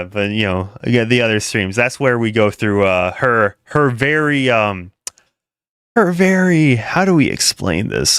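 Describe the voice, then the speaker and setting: A man's voice: mid-range voice, fairly bright tone, smooth, dry recording, clean studio sound. A young man rambling through casual livestream commentary, laughing often and restarting his sentences. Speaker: commentary streamer.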